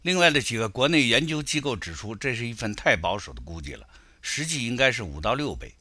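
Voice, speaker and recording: Lively, bright-voiced man giving commentary. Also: medium pitch, brisk, no echo. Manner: critical, argumentative, storytelling. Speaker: political commentator. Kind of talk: spoken political commentary.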